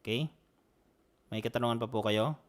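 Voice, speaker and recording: A man's voice: mid-range voice, moderate pace. A man teaching an online Arabic lesson, patiently repeating and drilling phrases. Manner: answers students by name.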